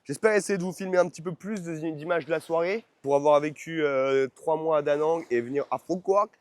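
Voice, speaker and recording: This travel vlogger, who sells an online course, speaks briskly in a slightly high voice with no echo. He chats to his followers in loose, slangy language, repeating phrases for emphasis, amid noisy on-location vlog sound.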